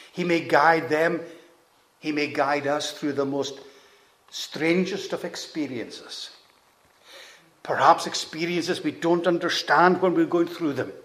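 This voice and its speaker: A man preaching a sermon, slow and measured, with emphatic rises and hushed drops on key phrases. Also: mid-range voice.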